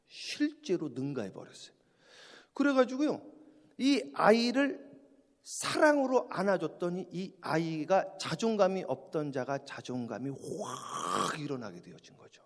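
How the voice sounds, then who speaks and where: A man preaching an early morning sermon as senior pastor, animated and full of jokes and stories. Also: high-pitched, long reverb tail. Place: church sanctuary.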